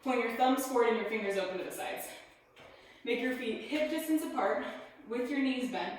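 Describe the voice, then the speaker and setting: Woman, yoga instructor, calm pose cues, slightly out of breath, fairly high voice, very reverberant room. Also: normal speed, slight background noise. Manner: calm step-by-step cueing, breathes between cues while doing the poses. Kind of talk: guided yoga class instruction. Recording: very echoey room.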